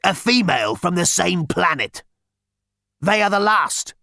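A man voicing a brutish male alien ship captain who croaks and rumbles in slow, grim lines, in an audiobook reading. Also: dry recording, clean studio sound, exaggerated voice. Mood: gruff. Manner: slow, flat, gravelly delivery.

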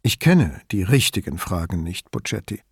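Man reading an older male commissioner, calm, wry, dry close sound, audiobook. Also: low voice, normal speed, husky, dry recording, pitched below the performer's own voice, heavily acted. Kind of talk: audiobook character voice.

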